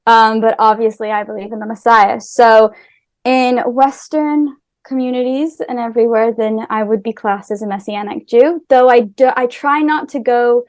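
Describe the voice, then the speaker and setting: As a podcast guest in Israel, a woman talks earnestly in casual conversation, occasionally restarting her phrases. She has an American accent, having been raised in America after early years in Wales. Her voice is fairly high, steady, and moderately paced, with no room sound.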